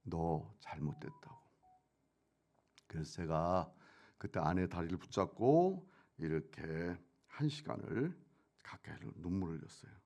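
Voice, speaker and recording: Standing as a church elder, a middle-aged man with a low voice gives his testimony at normal speed, very lively in its rise and fall. Pressing, loud outbursts give way to hushed asides, and he frequently answers his own questions.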